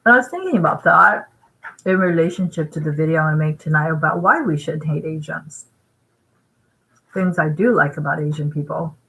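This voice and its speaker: A woman's voice: low voice, normal speed, pushed and bright, poor audio. A woman from Vietnam talking casually to her vlog audience, rambling and emphatic, tagging her points with "right?" and eating while she talks. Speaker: vlogger.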